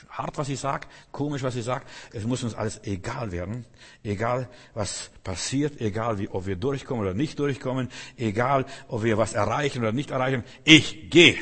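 Guy preaching hard, repeats lines, gets loud then quiet, big echoey hall. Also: mid-range voice, breathy edge. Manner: impassioned, rising and falling emphasis, repetitive cadence. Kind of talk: sermon. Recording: long hall reverb.

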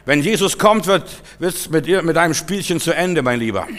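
A male pastor preaching a sermon, swinging from loud shouted proclamations to quiet storytelling. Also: on the high side, expressive, normal speed, big-room sound.

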